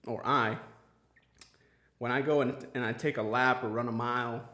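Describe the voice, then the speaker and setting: A man with a medium-pitched, steady, sharp voice hosts a casual podcast chat at a moderate pace in a reverberant space. He talks earnestly but rambles, using lots of fillers and restarts.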